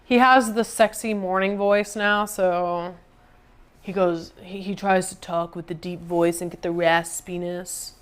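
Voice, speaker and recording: A woman's voice: fairly low pitch, steady tone, a little slow. A woman livestreaming from her home kitchen, chatting to viewers while she cooks. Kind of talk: casual livestream chat.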